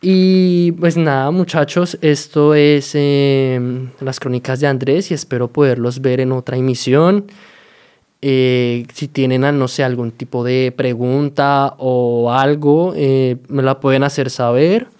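A man from Colombia with a Colombian accent, casually explaining everyday slang to his viewers. He talks in a chatty, unhurried way, with many fillers and quick "¿sí?" checks. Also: medium pitch, fairly even intonation, a little mellow, smooth. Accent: Colombian Spanish.

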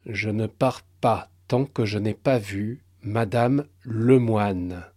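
A man voicing an exhausted, desperate man who speaks in quiet, clipped, stubborn phrases. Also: fairly low pitch, slow, no room sound, clean studio sound.

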